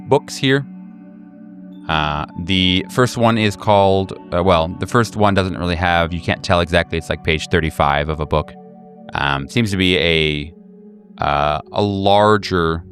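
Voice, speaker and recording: With faint music underneath, a man with a deep voice and a fairly bright tone guides a horror tabletop game as its game master. He improvises in a halting manner, groping for the next word.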